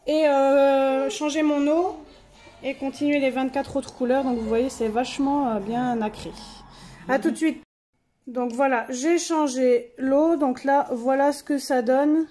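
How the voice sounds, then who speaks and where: Woman vlogger, high voice, casual rambling home chat. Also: unhurried, mellow, faint music behind. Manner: chatty, filler-heavy, self-correcting. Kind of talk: casual chat while swatching paints.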